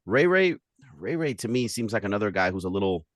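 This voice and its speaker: A man with a New York accent chats about football on a podcast, his voice sitting a little low and the words tumbling out fast. He gets animated, laughs easily and repeats himself as he thinks aloud. The sound is dry and close. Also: no room sound. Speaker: podcast co-host. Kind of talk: casual sports chat.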